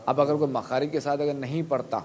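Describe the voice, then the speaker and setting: A man delivers a sermon to a gathering. His voice sits in an ordinary middle pitch, and he teaches by sounding out examples one by one. A faint hum of background noise runs under the talk. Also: little pitch movement, a little mellow. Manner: explains Quran pronunciation with spoken examples, asks listeners to raise hands. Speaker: preacher. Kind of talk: sermon to a live audience.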